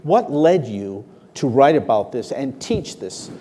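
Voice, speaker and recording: A talk show host leads a live interview in a large hall before an audience, formally introducing his guest and steering the questions. His mid-range voice is dark-toned and very animated yet a little slow, with slight background noise and a long hall reverb.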